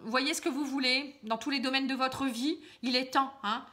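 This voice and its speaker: A woman with a high, bright voice giving a casual card reading straight to the viewer. She talks in a loose, chatty way, full of fillers and little tags. She keeps advising the listener gently. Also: steady tone, moderate pace. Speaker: card reader. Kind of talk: casual tarot reading to camera.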